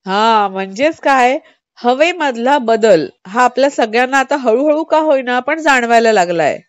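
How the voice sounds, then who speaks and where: A woman's voice: fairly high pitch, expressive, normal speed, no room sound. A woman radio host chatting casually and explaining things to a co-host. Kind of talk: casual chat.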